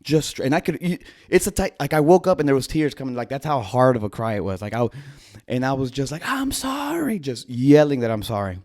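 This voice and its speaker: Animated man telling a dream story. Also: mid-range voice, fairly quick. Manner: animated, gasping, trailing off, restarting. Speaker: vlogger. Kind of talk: casual storytelling to viewers.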